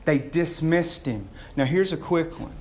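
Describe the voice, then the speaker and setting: A man's voice: a little high, expressive, measured pace, a little mellow, a little hiss or hum. A man preaches. His sermon is informal and conversational, full of folksy turns of phrase. He often turns to the congregation with direct questions. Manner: folksy, addresses listeners as gang, boys and y'all; poses questions to the listeners.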